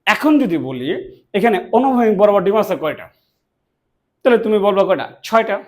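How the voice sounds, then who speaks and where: Man, math teacher, bright high voice, swooping intonation, asks then answers his own questions. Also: very animated, a little fast. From Bangladesh. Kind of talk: classroom math lesson.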